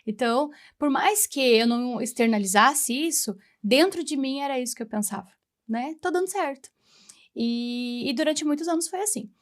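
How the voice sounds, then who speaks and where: A woman's voice: high-pitched, animated, moderate pace. A woman in her forties, a guest on a talk show, sharing a personal testimony in an earnest, reflective way and acting out remembered conversations. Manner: acts out remembered dialogue. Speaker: interview guest, women's mentor.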